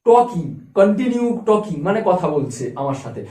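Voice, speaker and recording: A man teaching an English grammar lesson, explaining slowly and repeating and spelling out words for his learners. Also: sits high, big pitch swings, dark tone, roomy sound.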